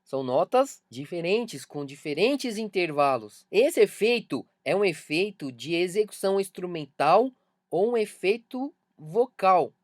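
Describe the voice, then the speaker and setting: A man's voice: high voice, sing-song, measured pace, dry recording, studio quality. A man with a Brazilian Portuguese accent gives an online music lesson, talking emphatically and repeating key points to drive them home. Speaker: music teacher.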